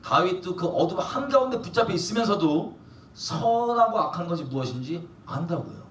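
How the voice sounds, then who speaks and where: A man delivers a sermon with emphasis, often asking the congregation questions. His voice sits a little high and swings widely in pitch. He is heard from across a roomy, echoing church hall with faint ambience behind him. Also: very animated, normal speed, a bit bright. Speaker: pastor. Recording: echoey room from a distance.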